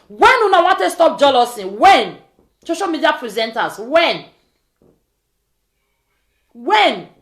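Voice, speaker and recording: A woman with a West African accent scolds in an informal pidgin rant, vlogger-style, firing the same pointed rhetorical questions again and again. Yet her high voice is sing-song, slow and full of long pauses. The recording echoes with a roomy feel.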